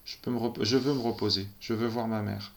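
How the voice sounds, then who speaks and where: A man's voice: fairly low pitch, fairly even intonation, fairly quick, creaky, a little hiss or hum. Man narrating a tense first-person story.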